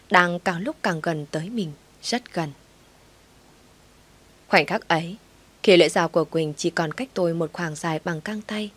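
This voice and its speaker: Female storyteller, low-ish voice, soft and measured narration.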